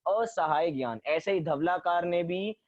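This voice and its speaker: A man's voice: sits high, a little slow, no echo. A man teaching a religion class, explaining step by step and asking himself questions before answering them. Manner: asks and answers his own questions. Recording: dull dry recording.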